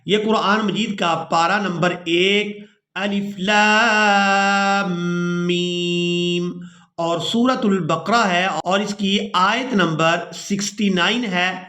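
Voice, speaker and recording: A man teaching Quran recitation, explaining each rule briskly and spelling out letters one by one. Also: high-pitched, bright, forceful tone. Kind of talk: step-by-step recitation lesson. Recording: echoey room.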